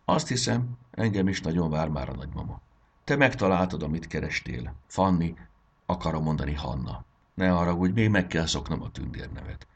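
A man voicing an earnest young boy in a children's storybook, speaking softly and a little higher than his narration. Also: expressive, vocal fry, husky, full character voice. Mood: wistful.

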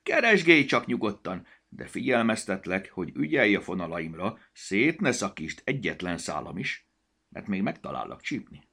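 A man's voice: lowish voice, big pitch swings, creaky, sharp tone, slightly rough, pitched above the performer's own voice, full character voice. A man voicing a haughty, touchy spider that scolds and threatens. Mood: indignant.

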